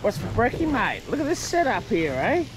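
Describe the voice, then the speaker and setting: A man's voice: sits high, huge pitch swings, moderate pace. A man with an Australian accent filming a fishing trip, joking and matey in casual chat. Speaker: vlogger. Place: on a small fishing boat at sea, outdoors. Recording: loud wind, engine and waves behind.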